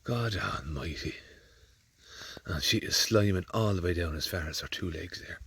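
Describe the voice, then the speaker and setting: A man's voice: low-pitched, fairly quick, a bit bright, breathy edge. A man with an Irish accent, a farmer chatting casually outdoors in a field, rambling and grumbling as he films on a handheld phone. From Ireland. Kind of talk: casual vlog narration. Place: outdoors on a farm field, in the rain.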